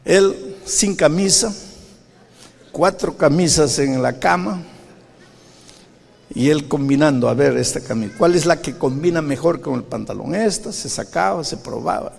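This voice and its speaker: A man with a Peruvian Spanish accent preaching a sermon as a pastor. He tells a story with animation, swinging between loud and hushed delivery. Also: a little high, animated, a little slow, gravelly, breathy edge, big-room sound. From Peru.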